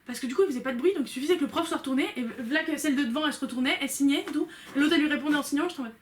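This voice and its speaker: A woman's voice: high voice, rapid-fire, a little hiss or hum. A young woman chatting casually with a friend on a video call, teasing and often dropping to a murmur. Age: young adult. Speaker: co-host. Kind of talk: casual chat.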